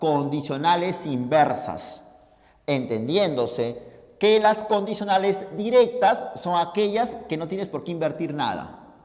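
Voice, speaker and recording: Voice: mid-range voice, lively intonation, measured pace, a little mellow, big-room sound. A teacher giving a logic lesson, explaining each step and often checking that the students follow. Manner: addresses listeners informally, pointing at the board.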